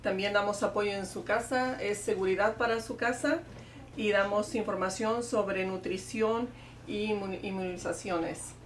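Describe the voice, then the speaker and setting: A woman's voice: mid-range voice, steady tone, normal speed. Nervous woman guest, faint background hum. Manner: nervous, a little giggly. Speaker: bilingual outreach worker, guest. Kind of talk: TV talk show guest.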